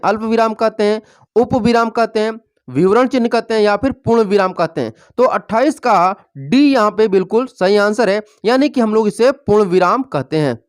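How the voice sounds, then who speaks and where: A teacher works through exam questions one at a time, reading out each set of options and then explaining the right answer. The delivery is steady and patient, with frequent little check-ins to keep the class along. The voice sits at a middle pitch, and the recording is dry with no room sound. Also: no room sound. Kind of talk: exam-prep lesson going through quiz questions.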